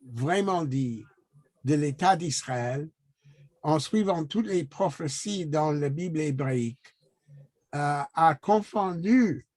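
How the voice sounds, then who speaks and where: Halting man with foreign accent in French. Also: on the high side, darkish tone, no room sound. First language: not French. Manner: halting, searching for words, non-native French. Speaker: guest commenter in a discussion. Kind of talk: unscripted remarks to a discussion.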